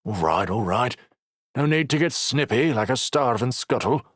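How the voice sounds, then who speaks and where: A man narrating an audiobook voices a bitter, injured male crew leader with a rough, growling, scornful delivery. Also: medium pitch, lively intonation, moderate pace, dry recording, clean studio sound, voice pushed up, natural voice.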